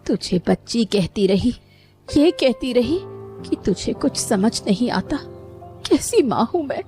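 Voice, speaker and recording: A woman voicing a weary middle-aged mother in an animated story, emotional and tearful. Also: fairly high pitch, a little slow, faint music behind. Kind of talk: Hindi cartoon voice acting.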